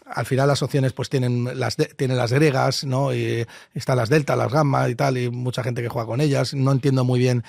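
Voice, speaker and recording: Gravelly man, opinionated. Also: medium pitch, steady tone, moderate pace, few pauses, a little mellow, no echo, studio quality. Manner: opinionated, explains with rhetorical questions. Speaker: investor guest. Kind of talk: casual interview talk.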